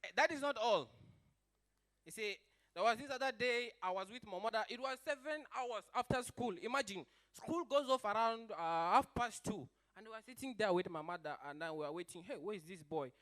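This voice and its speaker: Young guy doing standup, high voice, rambly chatty family stories. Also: a bit bright. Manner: chatty, rambling, with fillers and quick asides. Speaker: stand-up comedian. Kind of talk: stand-up comedy storytelling.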